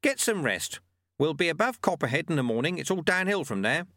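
A man's voice: on the high side, sing-song, fairly quick, pushed and bright, no room sound, studio quality, voice pushed up, heavily acted. A man voicing an old, wry male monk who lectures in an offhand, chatty way.

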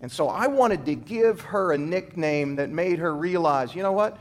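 Guy with a kinda high voice, ex gymnastics coach preaching to students, emphatic, swoops up and down, goes low and quiet on the big lines. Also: expressive, moderate pace. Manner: emphatic storytelling, big swings in pitch and loudness; drops low and quiet to land key points. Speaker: former gymnastics coach, speaker.

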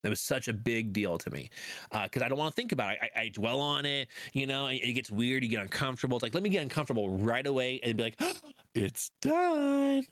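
A man co-hosting a podcast, telling a story in casual chat and acting out his own remarks with lively energy. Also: mid-range voice, fast, no echo, clean studio sound. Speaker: podcast co-host.

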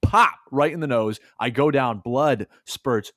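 A man's voice: mid-range voice, a little slow, fairly bright tone, no echo, studio quality. A man co-hosting a podcast in casual chat, telling stories in a joking, mock-dramatic way. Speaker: podcast co-host.

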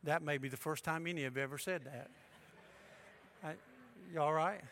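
A male pastor preaching a sermon, emphatic and shifting between loud and hushed delivery. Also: a little high, brisk, slight background noise.

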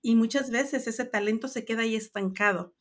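A woman's voice: fairly high pitch, fairly quick. A woman hosting a podcast, interviewing her guest and reflecting on his stories with affirming remarks. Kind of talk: conversational interview.

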